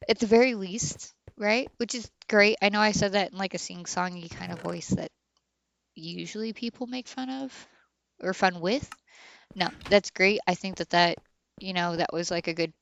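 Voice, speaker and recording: A woman's voice: fairly low pitch, vocal fry, dull audio. A woman in her thirties streaming a game, chatting candidly and rambling with many fillers. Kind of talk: casual chat while streaming a game.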